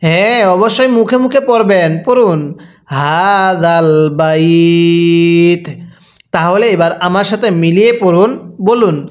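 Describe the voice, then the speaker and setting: A man teaching a Quran recitation lesson, drawing out each syllable slowly for the listener to repeat, then explaining rules more briskly, with a Bangladeshi Bengali accent. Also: high-pitched. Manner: slow drawn-out syllables for repeat-after-me, brisker when explaining.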